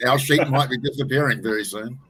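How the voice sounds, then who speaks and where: A man's voice: medium pitch, fairly quick, pushed and bright, slightly rough, low-quality recording. A man in a casual group chat, speaking in a dry, teasing way. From New Zealand.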